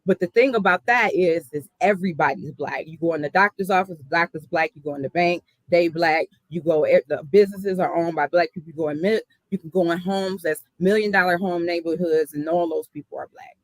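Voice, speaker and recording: A woman's voice: on the low side, brisk, hardly any pauses, no echo, poor audio. A woman from the South Side of Chicago, a hip hop artist telling her story in an earnest, reflective interview.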